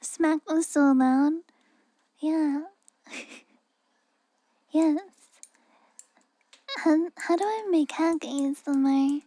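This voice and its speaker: Soft, high, cute anime-girl streamer woman. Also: drawn-out words, pauses often, no echo. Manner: cute, gentle, often breaking toward a whisper. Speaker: livestreamer. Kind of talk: soft casual livestream chat.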